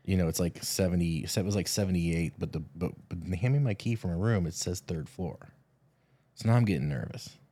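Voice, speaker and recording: A podcast co-host, a man with a very low voice, tells easygoing stories full of restarts. He sounds tired after a red-eye flight. The recording is dry and close, with no room sound. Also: fairly quick, dark tone, breathy edge, dry recording. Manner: laid-back storyteller, frequent restarts. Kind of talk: casual chat.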